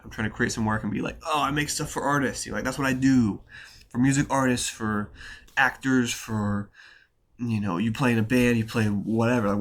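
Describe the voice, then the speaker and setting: A young man talking in a loose, rambling vlog style, full of fillers and slang, his voice nasal from a cold. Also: on the low side. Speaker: photographer vlogger.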